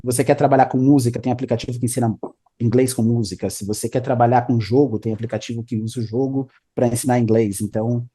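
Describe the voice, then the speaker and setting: A man's voice: mid-range voice, steady tone, fast, dark tone, husky. A man, an English teacher explaining study tips in a casual interview, often adding "né?" and "tá?". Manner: explanatory, repeats 'né?' and 'tá?'.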